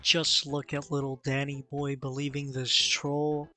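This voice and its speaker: A man's voice: medium pitch, monotone, a little slow, bright, forceful tone, soft background music. A man hosting a scripted commentary in a mocking manner. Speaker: commentary host.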